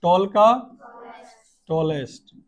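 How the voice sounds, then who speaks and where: Man, teacher, high-pitched voice, grammar class, quizzes students, stretches out key words. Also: lively intonation, drawn-out words, lo-fi sound. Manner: asks students questions and answers himself.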